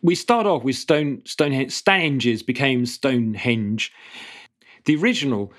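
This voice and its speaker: A middle-aged man, an archaeologist answering interview questions thoughtfully, with halting restarts between fluent explanations. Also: mid-range voice, animated. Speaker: archaeologist guest.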